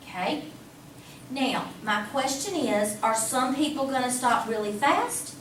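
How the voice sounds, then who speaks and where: A woman math teacher giving a lively classroom lecture, talking casually and asking the class questions. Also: high voice, measured pace. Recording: echoey classroom from a distance, faint hum.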